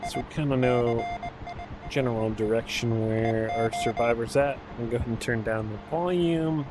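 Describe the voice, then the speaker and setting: A man in his thirties from Alaska, chatting in a relaxed, rambling way with many fillers while streaming a game. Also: mid-range voice, normal speed, music in the background, rough recording. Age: 30s. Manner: rambling, laid-back, many fillers and restarts. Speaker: gaming streamer. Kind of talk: casual live-stream chat while playing.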